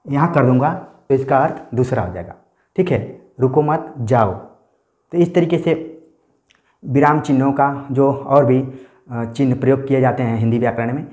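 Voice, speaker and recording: A man's voice: mid-range voice, a little mellow. Man, teacher, exam-prep lecture, explanatory, checks in often, echoey room.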